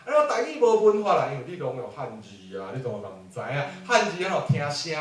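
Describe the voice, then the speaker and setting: A man lectures a class in an animated way, often throwing rhetorical questions at the room. His voice is high and swings widely in pitch. It comes from far off in a strongly echoing hall. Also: quick pace.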